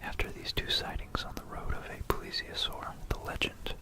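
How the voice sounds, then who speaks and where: This ASMR narrator whispers through history without voicing, breathy and near a binaural microphone. She keeps a moderate pace and drifts along, tossing in teasing remarks aimed at the listener.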